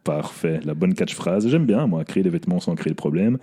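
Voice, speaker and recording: Man, podcast host, very low voice, hesitant, full of fillers. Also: expressive, fairly quick, mellow, slightly rough. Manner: hesitant, many fillers and restarts. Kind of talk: casual interview chat.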